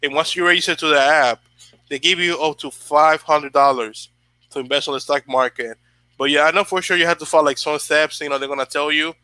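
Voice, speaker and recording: Answering viewers on a casual motivational livestream, a young Dominican channel host rambles, restarting often and leaning on fillers. He speaks briskly in a fairly high, sharp voice that is clear and resonant, recorded dry.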